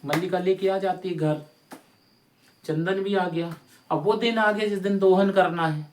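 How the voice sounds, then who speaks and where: A man's voice: sits high, fairly even intonation, measured pace, echoey room. A man teaching a lesson as a story, now and then singing and acting out the characters, speaking to his students as children. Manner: sings, acts out characters, addresses students as beta.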